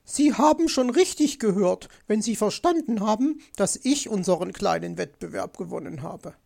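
A storybook narrator voicing Mrs. Magpie, a vain, excitable female magpie who nags and screeches. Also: normal speed, gravelly. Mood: excited. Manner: shrill, nagging.

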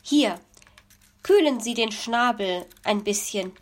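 A woman voicing a kind, calm hedgehog mother in a children's story, speaking softly and gently. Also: medium pitch, slow. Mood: gentle. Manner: soft, gentle, sniffs "nuff nuff". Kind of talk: storybook reading.

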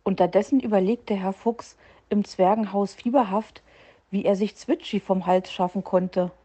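A woman reads a children's storybook aloud with lively expression. Her voice is mellow and warm, and the recording sounds slightly dull and lo-fi. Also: medium pitch, normal speed. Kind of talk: scripted storybook narration.

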